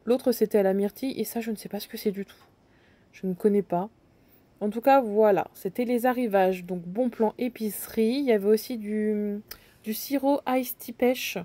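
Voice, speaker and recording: A woman's voice: on the high side, warm tone, no room sound. A woman casually walking through supermarket aisles, chatting and thinking aloud as she points out deals, with frequent hesitations. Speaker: bargain-hunting vlogger.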